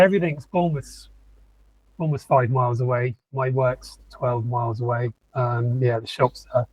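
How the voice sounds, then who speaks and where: A man's voice: medium pitch, no room sound, lo-fi sound. A man co-hosting a podcast, chatting casually with lots of ums and restarts. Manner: rambling, many fillers and restarts. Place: lives in southern England.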